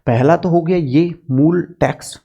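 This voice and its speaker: Male lecturer, gravelly, husky, earnest exam coaching. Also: on the high side, moderate pace, mellow, dull audio. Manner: earnest, direct, uses rustic farm examples. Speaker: political science teacher.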